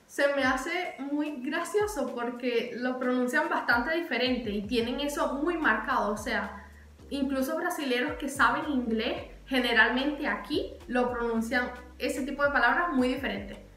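A young woman vlogs in a casual, chatty explainer style, animated and fond of repeating words for emphasis. Her high-pitched, fairly bright voice moves at an unhurried pace, and the recording has an echo.

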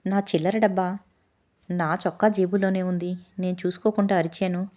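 A woman voicing a mischievous, excitable little village girl in a children's storybook, blurting things out loudly. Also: lowish voice, natural voice. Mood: sheepish. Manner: shouts in alarm, quick to blurt.

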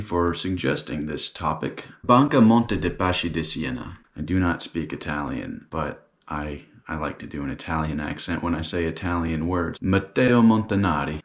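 A man hosting an online explainer show, greeting viewers and then narrating a scripted story in a measured, steady way. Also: low voice. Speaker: host.

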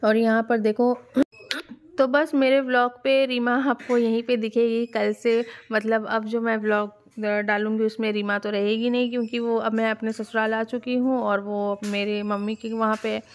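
Chatty woman vlogger, flat higher voice. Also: normal speed. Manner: chatty, rambling with many fillers. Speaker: family vlogger. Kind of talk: casual vlog voice-over narration.

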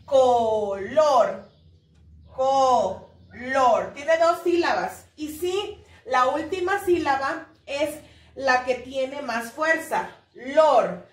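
A Mexican woman teaching a primary school class online, drawing out words slowly to mark the stressed syllable. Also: sits high. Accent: Mexican Spanish. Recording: echoey room, voice a little far from the mic.

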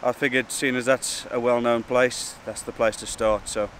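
Man, thirties, medium pitch, chatty hesitant vlog delivery, breezy hillside beside rushing water, light background noise. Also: level tone, fairly bright tone. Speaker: wildlife photography vlogger. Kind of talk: casual vlog to camera. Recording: outdoor wind, rushing water and traffic noise.

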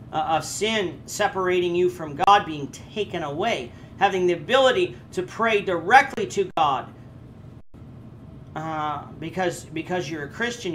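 A man in his thirties teaching a Bible class, earnest and explanatory, with frequent hesitations. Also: a little hiss or hum. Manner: earnest, with lively rises in pitch and frequent hesitations. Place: indoors before a red curtain. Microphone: camera framed chest-up.

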